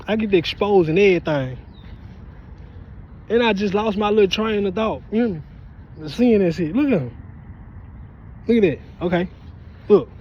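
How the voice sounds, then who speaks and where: A man talking in a casual, animated street-side vlog outdoors, sitting outside his house and often asking "you hear me". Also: sits high. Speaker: vlogger. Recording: slightly dull phone audio with faint street noise.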